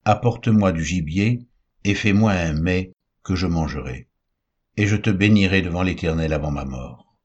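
An urgent, commanding mother who schemes for her son, read by a man. The voice stays deep and husky, like a scripture reading. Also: moderate pace, dull audio. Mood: urging.

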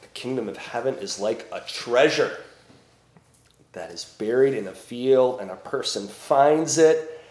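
A priest at Mass, reading the Gospel and preaching in a slow, deliberate way with emphatic swells, his voice ringing with church echo. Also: mid-range voice, lively intonation, a little mellow. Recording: echoey church room.

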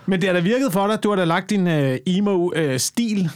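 High-voiced man, opinionated chat partner, pushes his point. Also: smooth. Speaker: conversation partner. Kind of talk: casual chat.

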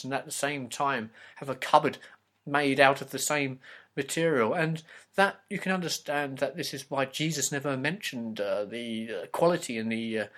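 A man delivering an improvised absurd comedy ramble, halting and full of fillers. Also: medium pitch, fairly bright tone.

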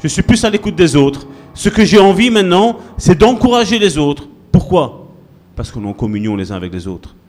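Animated preaching man, lively pitch. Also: a little fast. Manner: animated preaching, swings between loud outbursts and low murmurs. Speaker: pastor. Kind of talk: sermon.

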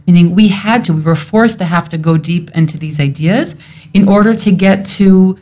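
With a mellow voice on the low side and a moderate pace, a woman guides a Torah study discussion. She thinks aloud, searching and reflective, often restarting mid-thought.

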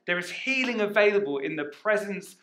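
A man preaching a sermon as pastor, energetic and questioning the congregation, on a headset mic in a church hall. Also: high voice, a little fast.

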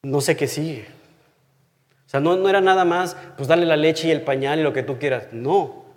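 A man's voice: a little high, a little fast. A man, in his thirties or older, teaching from the Bible in a personal, conversational way. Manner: earnest and personal, drops to a hush on key phrases. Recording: long hall reverb.

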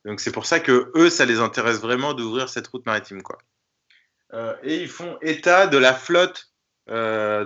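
A man explaining something in a casual chat, halting and often searching for words. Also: medium pitch, bright, forceful tone, lo-fi sound.

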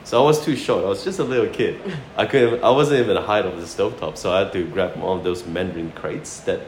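Quick-paced, with a voice that sits low, a chef from Sarawak, Malaysia, later of New Zealand, relates anecdotes in a casual, informal interview and keeps repeating phrases. The recording carries a roomy echo and loud background noise.

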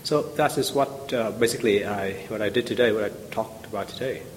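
Vietnamese-accented male guest, halting and filler-heavy, roomy reverb with low rumble. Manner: hesitant, many fillers and restarts. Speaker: guest, language teacher. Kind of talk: conversational podcast interview.

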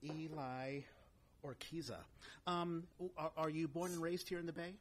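A man's voice: on the high side, steady tone, moderate pace, a little hiss or hum. A man hosting a podcast interview in a casual, easygoing way, often affirming his guest. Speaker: podcast host.

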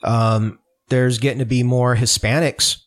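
Brief: male candidate guest, mid-pitch, earnest and rambling, home podcast setup. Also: flat delivery, a little slow. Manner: earnest, rambling, many false starts. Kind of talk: casual podcast conversation. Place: home room with open window.

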